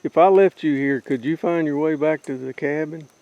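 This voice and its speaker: A man's voice: fairly high pitch, moderate pace, darkish tone, no echo, lo-fi sound. A middle-aged man giving plain-spoken, casual commentary as he explores the woods for a vlog. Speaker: outdoor vlog co-host. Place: outdoors in woods. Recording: faintly noisy outdoor field recording.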